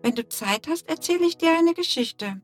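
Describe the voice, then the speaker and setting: A woman voicing a small, sad and shy boy in a storybook, speaking in a halting, stammering way. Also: very high voice, lively intonation, faint music behind, pitched above the performer's own voice. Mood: wistful. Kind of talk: storybook narration.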